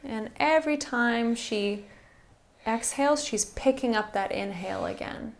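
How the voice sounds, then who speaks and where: A woman instructor softly guiding a breathing exercise in a soothing, encouraging manner, with background noise in the recording. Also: fairly high pitch, unhurried. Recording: faint-to-clear background noise and ambience.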